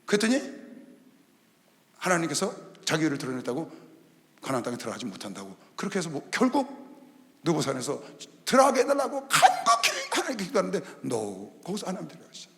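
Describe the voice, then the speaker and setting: A man preaches a Sunday sermon in a large arena, his high voice swinging widely in pitch. He acts out God and Moses in lower tones, and a long reverb trails every phrase through the hall. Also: sing-song, fast talker, a bit bright. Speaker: pastor.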